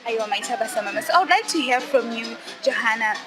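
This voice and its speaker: A woman with a fairly high voice interviews guests at an outdoor charity event, polite and formal. She moves between English and Shona. Music plays faintly behind her. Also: animated, fast talker.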